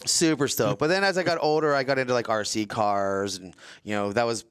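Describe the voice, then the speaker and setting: A middle-aged man from Southern California, co-hosting a casual podcast and telling stories in animated bursts. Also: medium pitch, a little fast, clear, resonant tone. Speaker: co-host.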